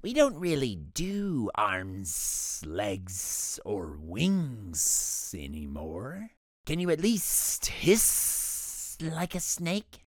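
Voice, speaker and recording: A woman's voice: rumbling low, wildly swooping pitch, extremely slow, dry recording, studio quality, pitched below the performer's own voice, full character voice. A woman voicing a bored, snooty snake who runs an exclusive club in a storybook. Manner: drawling, uninterested.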